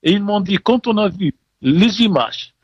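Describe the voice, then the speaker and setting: A man's voice: sits high, expressive, unhurried, slightly rough, no room sound, muffled recording. A man giving a live radio field report as a correspondent, hesitant with many fillers but emphatic.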